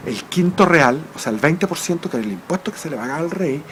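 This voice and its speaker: A man's voice: on the high side, lively intonation, quick pace, a bit bright, slight background noise. A man with a Chilean accent giving an informal, rambling history lecture, with frequent fillers and restarts.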